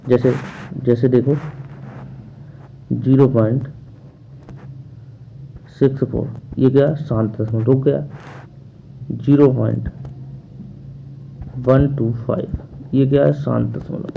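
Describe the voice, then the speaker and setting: A man's voice: mid-range voice, steady tone, slow, gravelly, long pauses, muffled recording, a little hiss or hum. A man teaching a math class online, asking questions and answering them himself in a repetitive drilling manner.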